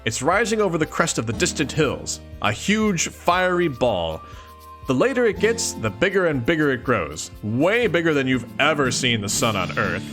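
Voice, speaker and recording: A man's voice: fairly high pitch, very animated, normal speed. A man reading a visual novel aloud for a let's play at home, breaking off to joke with chat. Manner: playful, reads narration then jokes to chat and cat. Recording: faint game music underneath.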